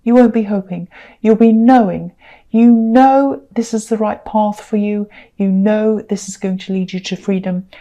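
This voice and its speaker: A woman's voice: mid-range voice, steady tone, a little slow, mellow, highs cut off. A woman giving a tarot card reading, talking earnestly and reassuringly with frequent fillers and repetitions. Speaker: tarot reader.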